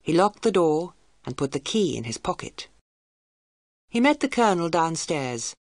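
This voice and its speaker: Low, lively woman narrator, storybook reading for learners, dry close sound. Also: dry recording. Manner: clear, measured and expressive.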